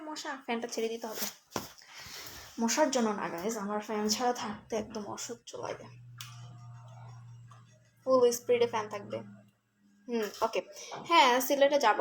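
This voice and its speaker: A woman's voice: a little high, normal speed, long pauses, a little hiss or hum. A woman chatting casually on a live stream, answering viewers' comments one by one.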